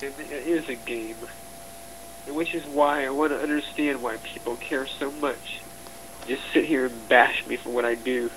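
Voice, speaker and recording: A man in his twenties ranting defensively in a voice chat, halting and repeating himself as he explains his role as a game server staff member. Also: medium pitch, fairly even intonation, background noise. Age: 20s. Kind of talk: voice chat rant. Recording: music playing clearly behind the voice.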